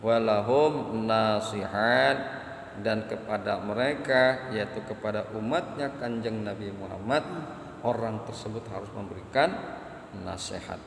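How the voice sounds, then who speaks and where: A man preaching a sermon, repeating phrases slowly and chanting Arabic passages. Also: lowish voice, creaky, a little hiss or hum. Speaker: Islamic preacher. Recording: echoey hall, faint ambience.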